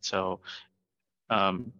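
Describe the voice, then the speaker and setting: This earnest middle-aged startup founder from Vietnam is a guest on a remote video-call interview, and he keeps slipping in "right?". His low voice holds a steady tone and sounds pushed and bright, and he talks very slowly. The recording has a dull, lo-fi call quality.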